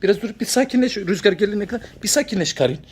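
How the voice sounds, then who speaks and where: A woman's voice: mid-range voice, animated, very fast, a little mellow, breathy edge. A woman at home filming a casual vlog, coaxing and laughing as she calls to her pet. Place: home indoors.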